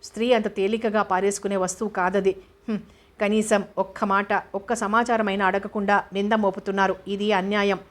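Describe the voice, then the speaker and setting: A woman voicing a proud, wronged young woman who speaks indignantly and forcefully, in an audiobook. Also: mid-range voice, flat delivery, brisk, close to an everyday voice. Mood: defiant. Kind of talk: audiobook character voice.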